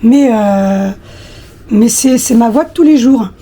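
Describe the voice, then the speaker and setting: Still hoarse and coughing after a bout of flu, this thirty-something lifestyle vlogger speaks slowly as she shares casual, chatty stories straight to her viewers. Her voice is husky yet soft and mellow, pitched slightly high for a woman. Frequent hesitations and fillers break up her speech as she reaches for words.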